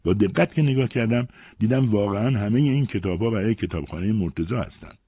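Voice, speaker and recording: A man narrating a first-person story aloud with an expressive storytelling delivery. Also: fairly low pitch, slightly rough, dry recording. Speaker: audiobook narrator. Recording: dry, phone-like narrow sound.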